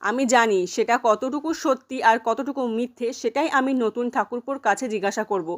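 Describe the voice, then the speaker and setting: A woman's voice: fairly high pitch, fairly quick, lightly acted. Woman reading a defiant middle-aged mother.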